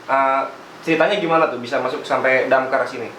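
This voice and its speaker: A man's voice: mid-range voice, fast. A man with a Jakarta-area Indonesian accent hosts a casual chat interview, bantering in slang and echoing his guest's answers. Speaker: host. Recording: echoey room with clear background noise.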